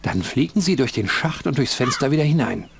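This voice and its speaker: An actor playing a young, earnest, dutiful bird catcher in a fantasy adventure game, musing to himself. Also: male voice, mid-range voice, expressive, fairly quick, creaky, slight background noise. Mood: pensive. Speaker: game protagonist.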